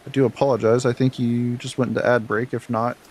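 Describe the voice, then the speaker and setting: A deep-voiced man streams a game, talking candidly and in a laid-back way to his viewers between moments of play. He speaks fast with little pitch movement and a darkish tone, right up close to a desk mic. Game music can be heard under his voice, along with a bit of hiss or hum.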